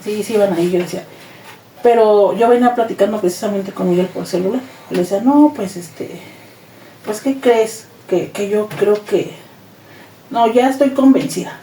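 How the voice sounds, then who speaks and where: A Mexican woman shares her personal testimony as an interview guest, bringing each quoted exchange to life. Her voice is mellow and dark-toned. It sounds roomy and a bit distant, with faint noise underneath. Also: mid-range voice, moderate pace. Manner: animated retelling, acts out quoted dialogue.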